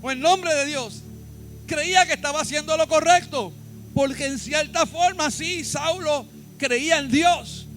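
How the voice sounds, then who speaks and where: High-voiced Puerto Rican pastor preaching. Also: male voice, unhurried, fairly bright tone, faint music behind. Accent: Puerto Rican Spanish. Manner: emphatic preaching, repeats points, asks the congregation to respond. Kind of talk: sermon. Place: church.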